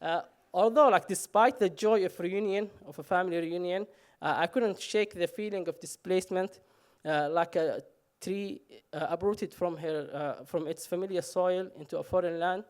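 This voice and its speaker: A man tells his own story on stage in a fairly high voice. He jokes at himself and often stops on "uh". The talk stays loose and unscripted. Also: moderate pace, few pauses. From Somalia. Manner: humorous, self-mocking, frequent "uh" fillers. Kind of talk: live personal storytelling on stage.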